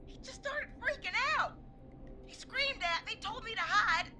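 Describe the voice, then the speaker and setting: A woman's voice: very high voice, lively intonation, normal speed, sharp tone, slight background noise, exaggerated voice. An actress voicing a terrified young woman calling for help after her friend was stabbed, pleading and crying. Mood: panicked. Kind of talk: video game voice acting.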